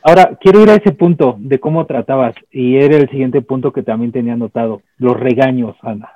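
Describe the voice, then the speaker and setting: A man with a Mexican accent hosting an interview, chatting casually with relaxed, enthusiastic reactions. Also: mid-range voice, brisk, dry recording. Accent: Mexican Spanish. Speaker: interview host. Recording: dull lo-fi sound.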